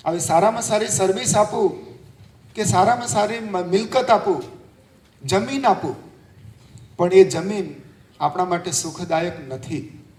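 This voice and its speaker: A man's voice: high voice, a little mellow, roomy sound. A male monk preaching, telling a parable and briefly acting out a child's and a father's lines. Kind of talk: storytelling sermon.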